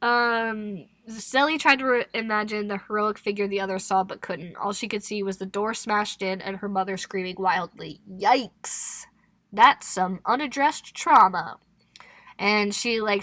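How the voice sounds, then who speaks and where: A young woman co-hosts a casual book podcast, retelling the plot in an animated, laughing way, and she swears freely. Her voice sits in an ordinary middle register. The sound is close and dry, with no room around it. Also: mid-range voice, no room sound. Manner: laughing, animated storytelling with expletives. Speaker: podcast co-host. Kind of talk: casual book recap chat.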